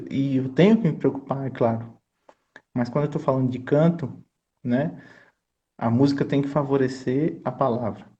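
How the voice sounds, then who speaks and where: A man's voice: mid-range voice, warm tone, muffled recording. A man, a choir conductor and composer, explaining his craft in an earnest, teacherly way and often checking in with his listener. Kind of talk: explanatory conversation.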